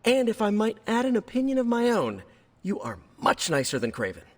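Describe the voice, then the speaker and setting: An actor playing Spider-Man, a wisecracking young male superhero with a quick, jokey delivery, in a video game. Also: high-pitched, exaggerated voice. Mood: playful. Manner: quippy, fast, animated delivery. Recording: game audio with hall reverb and music.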